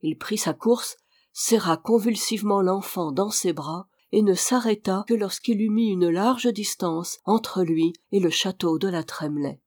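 Audiobook narrator, classic novel, measured delivery, even storytelling tone, mid pitch, dry close mic. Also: no room sound. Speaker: audiobook reader.

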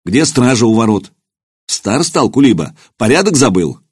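A man's voice: mid-range voice, very animated, normal speed, a little mellow, slightly rough. A man voicing a stern young prince-warrior who speaks in curt, commanding lines. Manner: curt, barked orders.

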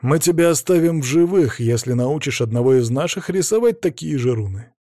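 A man voicing a calm, menacing masked cult leader who speaks coldly and dryly. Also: on the high side, no room sound. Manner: dry, cold, unhurried.

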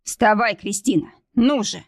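A woman's voice: medium pitch, a little slow, no echo, studio quality. A woman voicing a stern young man who barks urgent orders through a storm.

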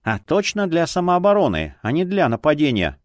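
A sharp-tongued older policewoman, put on by a male narrator, scolding and grumbling with dry sarcasm. She nags in a lowered, drawn-out voice, and the audiobook recording is close and dry. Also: huge pitch swings, no echo. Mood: snapping. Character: grumpy older policewoman, former chief.

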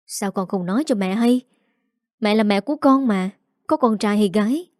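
Woman doing a bossy older mother-in-law, nagging, mellow, dry. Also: medium pitch, normal speed, dry recording, natural voice. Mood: curious.

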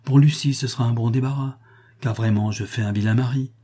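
A man's voice: medium pitch, steady tone, fairly quick, mellow, breathy edge, lightly acted. A man voicing an impulsive, lovesick wealthy husband in an audiobook, urgent and passionate. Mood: eager. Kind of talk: audiobook character reading.

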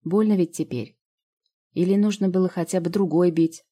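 A woman voicing a caring young man who speaks calmly, firm but fond, in an audiobook. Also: lowish voice, normal speed, close to an everyday voice. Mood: teasing. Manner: calm, firm then soft.

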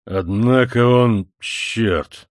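A man reading an audiobook voices a domineering, impatient grown man who grumbles and curses loudly. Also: on the low side, drawn-out words, no echo, clean studio sound. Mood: irritated. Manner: loud, gruff and cursing.

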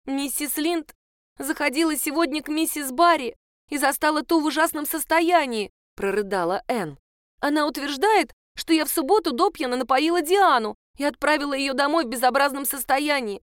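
A woman's voice: high-pitched, lively intonation, a little fast, no room sound, studio quality, voice pushed up. Woman doing a dramatic, chattering young girl. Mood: sobbing, aggrieved. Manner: breathless, gushing, theatrical.

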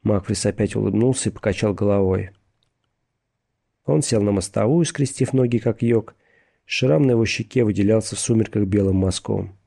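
Male audiobook narrator, low and gravelly, dark tone, measured steady reading of a thriller.

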